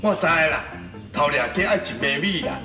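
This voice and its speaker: An actor playing a timid, worrying kidnapper sidekick who grumbles and hesitates. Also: male voice, fairly high pitch, normal speed, echoey room, recorded from a distance, music in the background, natural voice. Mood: grumbling.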